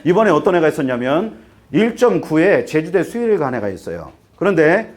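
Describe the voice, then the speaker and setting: A man in his fifties, an academy teacher, briefing parents in a lively lecture, firing rhetorical questions and getting worked up until he trips over his words. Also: a little high, fairly quick. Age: 50s. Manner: animated, rhetorical questions, acts out students and parents.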